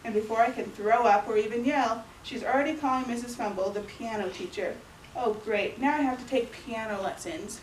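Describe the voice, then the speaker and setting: A young adult woman, a student librarian, gives a booktalk to a class of young children in an elementary school classroom, reading story passages aloud and acting out the quoted lines. Her voice is a little high with a moderate pace, captured from far off in the echoey room with slight background noise.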